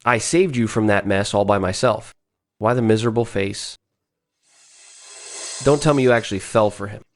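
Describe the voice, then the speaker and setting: A man's voice: fairly low pitch, moderate pace, dry recording, natural voice. A man playing a provocative, protective designer in an English-dubbed drama, teasing and assured. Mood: frank. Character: smooth-talking, provocative male designer, protective senior colleague.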